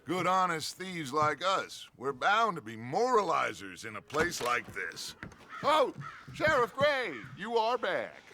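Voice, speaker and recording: An actor playing a grandiose, ingratiating American outlaw leader in a western video game. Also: male voice, fairly high pitch, wildly swooping pitch, takes it slowly, gravelly, pushed and bright, a little hiss or hum, exaggerated voice. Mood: sly, grand. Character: theatrical smooth-talking outlaw gang leader, grandiose schemer.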